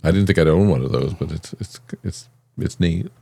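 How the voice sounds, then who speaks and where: A man co-hosting a casual chat podcast, easygoing and quick to laugh at himself. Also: low-pitched, creaky, dark tone, slightly rough. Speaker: podcast co-host.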